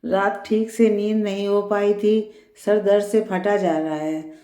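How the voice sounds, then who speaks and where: Woman voicing a calm, tired young husband. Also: medium pitch, a little slow, roomy sound, natural voice. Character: tired, reasonable young married man.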